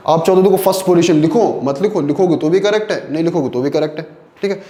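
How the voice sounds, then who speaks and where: A man's voice: fairly high pitch, quick pace, mellow. Hindi-speaking male teacher, echoey room. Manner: explains step by step with repeated check-in questions. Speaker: chemistry teacher. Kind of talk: online lecture.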